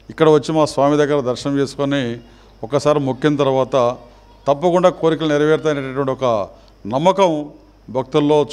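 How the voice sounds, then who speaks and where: A middle-aged man, a temple trust chairman, answering a reporter's questions in a formal, measured way with halting phrases. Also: fairly high pitch, darkish tone, clean tone.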